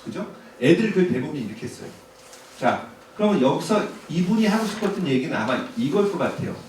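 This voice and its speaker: A man's voice: fairly high pitch, sing-song, a little fast, a little mellow. Man lecturing in a very echoey hall. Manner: conversational, rhetorical questions. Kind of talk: public lecture to parents. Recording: very echoey hall, distant mic, faint noise.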